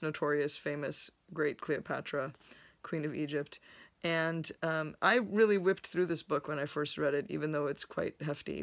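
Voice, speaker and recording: A Lebanese woman hosts a book review vlog from her home library, speaking thoughtfully and measuredly with frequent pauses. Her voice is deep and creaky.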